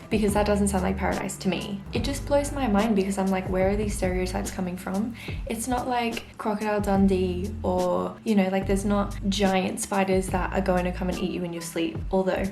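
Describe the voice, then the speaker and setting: A young woman with a posh Australian accent, chatting in an exasperated, comedic vlog rant and mimicking what others say. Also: mid-range voice. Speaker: vlogger. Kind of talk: casual comedic rant to camera. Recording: roomy echo with clear background music. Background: music.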